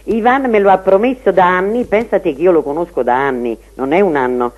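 A woman's voice: on the low side, a little fast. A woman calling in to a radio show over the phone, chatting casually with the host in an easygoing way. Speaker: radio caller. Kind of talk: casual chat. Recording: muffled phone line.

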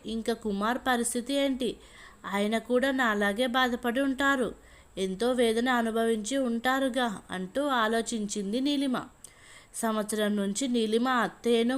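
A woman storyteller reading a family story aloud in a steady, even way. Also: fairly high pitch. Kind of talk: scripted storybook narration.

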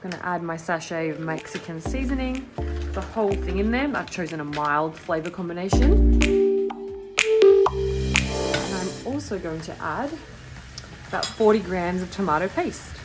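Lower-pitched woman with background music. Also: lively intonation, moderate pace, long pauses. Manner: friendly, instructive, talking to camera. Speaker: cooking vlogger. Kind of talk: upbeat cooking tutorial. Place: home kitchen indoors. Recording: music clearly underneath.

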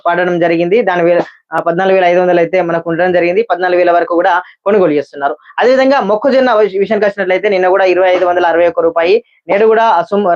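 A man gives an unscripted market price report as a channel host, with repetitive phrasing and small stumbles over figures. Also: high-pitched. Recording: dull lo-fi sound.

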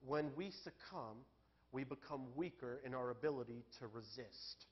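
In a church, a male pastor preaches a sermon, speaking candidly and conversationally before rising to loud, emphatic peaks. His voice is medium-pitched at a normal speed, and the sound quality is lo-fi.

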